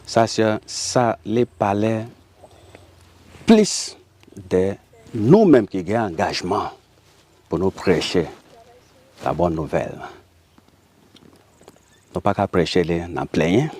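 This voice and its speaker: A man from Haiti with a Haitian Creole accent, speaking as a guest in a casual interview, animated and laughing often. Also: deep voice, slow pace, long pauses.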